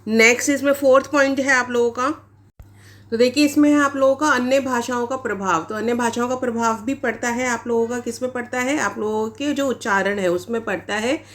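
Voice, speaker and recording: Higher-pitched woman teaching a lesson. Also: steady tone, brisk. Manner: explanatory, repeats points and asks rhetorical questions. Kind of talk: exam-prep classroom lecture. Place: online class recording.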